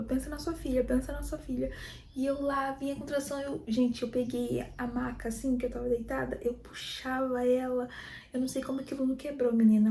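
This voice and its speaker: A young woman from Brazil telling her own story in a chatty, animated vlog, often calling out to her viewers. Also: sits high. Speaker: vlogger. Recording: echoey room.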